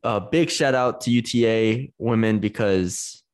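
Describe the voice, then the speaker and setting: A man's voice: fairly low pitch, unhurried. A man co-hosting a casual sports podcast, talking enthusiastically with frequent fillers and restarts. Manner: enthusiastic, conversational, many fillers.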